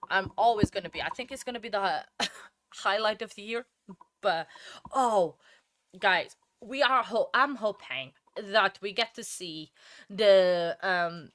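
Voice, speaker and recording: Speaking with a medium pitch and fairly bright tone over slight background noise, this Portuguese-accented woman runs a true crime livestream. Her casual talk with viewers rambles, packed with fillers and false starts, and she welcomes people in chat by name.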